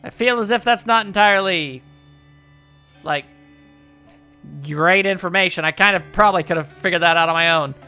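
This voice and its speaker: A man's voice: high voice, normal speed, pauses often, sharp tone, clear, resonant tone, soft background music. A man playing a video game and giving casual, joking commentary, wry and rambling as he thinks aloud. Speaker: video game let's player.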